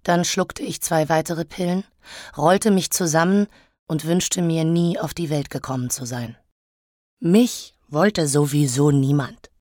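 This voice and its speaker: A woman's voice: low voice, measured pace, a little mellow, dry recording, studio quality. A woman narrating a novel in the first person with an emotional, dramatic delivery. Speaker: audiobook narrator.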